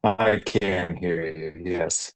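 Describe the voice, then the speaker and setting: A man on a video call in a remote committee meeting, his audio slowed down so it sounds deep and dragging. He speaks briefly and agreeably. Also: dry recording. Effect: call audio slowed down, making the voice sound deep and dragging. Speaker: scientific committee member.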